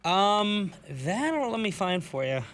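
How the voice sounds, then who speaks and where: Male sports talk co-host, high voice, bright tone, casual and wry. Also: very animated, takes it slowly. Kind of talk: sports talk radio chat. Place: radio studio.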